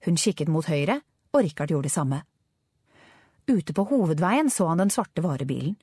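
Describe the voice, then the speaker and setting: A woman narrates a children's adventure with an expressive, storytelling delivery. Her pitch rises and falls widely around a slightly low center. The recording is dry and close. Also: breathy edge, no room sound. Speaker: audiobook narrator. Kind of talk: scripted narration.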